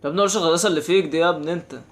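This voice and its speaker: A young man with an Egyptian Arabic accent giving casual, exasperated commentary while playing a game. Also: fairly high pitch. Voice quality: quick, animated, exasperated banter. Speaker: gaming channel host.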